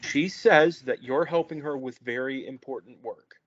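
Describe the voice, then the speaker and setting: At a play's table read, a man with a mid-range, everyday-sounding voice reads the part of a naive, sheltered young man at normal speed. He sounds earnest, hesitant and wide-eyed, stammering through his lines. The recording is muffled and lo-fi, in an echoey room.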